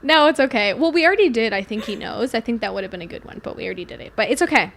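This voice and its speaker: A woman's voice: fairly high pitch, very fast, a little hiss or hum. A young woman co-hosting a podcast in casual, chatty talk full of fillers. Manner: chatty, filler-heavy, lively. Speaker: podcast co-host. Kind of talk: casual chat.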